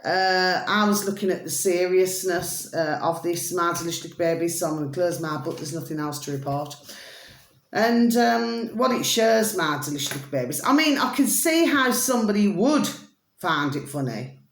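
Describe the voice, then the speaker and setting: A woman's voice: lowish voice, expressive, normal speed. A middle-aged woman with a broad Scottish accent, rambling casually to her viewers with repeated affectionate catchphrases. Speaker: video blogger. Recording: echoey room.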